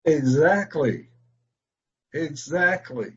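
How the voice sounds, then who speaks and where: Man, a business coach on a call. Very husky voice, unhurried delivery, dull lo-fi sound. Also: fairly high pitch, lively intonation, a bit bright. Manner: conversational, repeats "exactly" and "you know".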